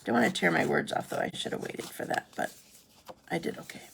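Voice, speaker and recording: A woman's voice: on the low side, lively intonation, fairly quick, gravelly, slight background noise. A woman hosting a casual live craft demo, chatty, correcting herself and answering viewer comments as she works.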